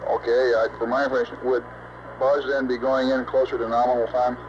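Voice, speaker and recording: A man's voice: mid-range voice, little pitch movement, brisk. A man on a mission control team, asking brief questions over a space radio loop. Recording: muffled, noisy 1960s radio loop.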